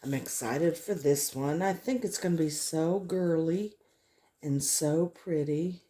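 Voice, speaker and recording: A woman's voice: low voice, a little slow, dark tone. A woman chatting casually to viewers as she works on a craft, thinking aloud as she goes. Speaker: craft vlogger hosting a resin tutorial. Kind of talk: casual chat while working.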